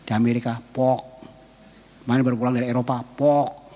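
Husky guy preaching, gets loud then soft, cracks jokes, echoey church hall. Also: medium pitch, flat delivery, fairly quick. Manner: emotive, swings between loud and hushed, jokes with congregation. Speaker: pastor. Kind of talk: preaching a sermon with personal stories.

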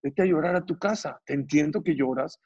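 An older kabbalist father answers his daughter gently but bluntly, as a man telling the story puts him on. His voice is husky and fairly high. It comes through a dull, lo-fi recording. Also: a little fast. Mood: firm. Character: older kabbalist father, sorrowful yet firm.

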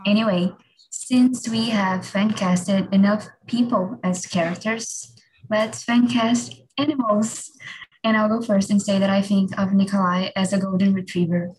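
A woman's voice: mid-range voice, fairly even intonation, a little slow, darkish tone, breathy edge, low-quality recording. Woman podcast host, casual, leads the topics. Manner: steering the topics, chatty. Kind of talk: casual chat.

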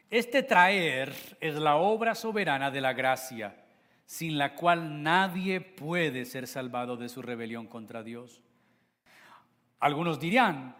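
A man's voice: fairly high pitch, fairly bright tone. A man preaching a sermon as pastor, emphatic, with rhetorical questions to the congregation and a voice that swells and sinks. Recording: long hall reverb.

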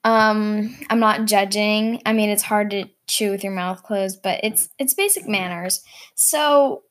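A woman's voice: mid-range voice, fairly even intonation, a little slow. A young woman hosting a casual vlog, chatting in an upbeat, rambling way with lots of fillers. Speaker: vlog host.

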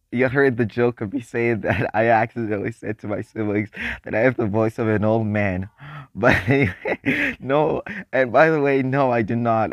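A seventeen-year-old guy whose voice has only recently deepened chats happily in a faith vlog, rambling, laughing, and often restarting his sentences. He sounds excited and cheerful, and the recording is dry and studio-quality.

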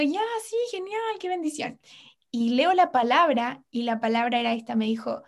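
Earnest young woman, high voice. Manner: earnest, retells with quoted voices. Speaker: guest. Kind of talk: personal testimony in a podcast interview.

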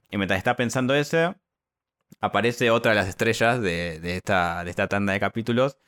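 A man's voice: lowish voice, fairly bright tone, smooth, no room sound, clean studio sound. A man with an Argentine accent, chatting casually and recapping a story with many fillers and restarts. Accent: Argentine Spanish. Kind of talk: casual chat.

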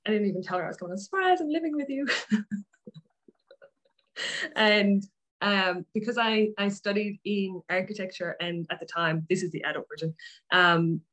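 An Irish woman in her thirties chats as a podcast guest, open and self-mocking, with laughter breaking into her talk. Her pitch sits in a middling range for a woman. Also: moderate pace, long pauses, fairly bright tone, rough recording. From Ireland. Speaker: guest life coach. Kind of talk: casual podcast chat.

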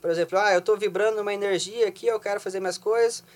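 Brazilian male guest, high voice, rapid, slangy storyteller. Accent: Brazilian Portuguese. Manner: slangy, animated, laughs often. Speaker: podcast guest. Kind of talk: casual storytelling chat.

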